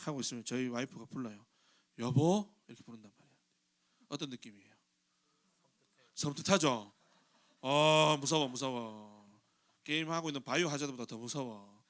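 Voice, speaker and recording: A man's voice: medium pitch, fast talker, long pauses, fairly bright tone. A middle-aged male pastor giving a chatty youth sermon in a church sanctuary, often asking the congregation questions and briefly acting out quoted voices. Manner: acts out quoted voices in short bursts.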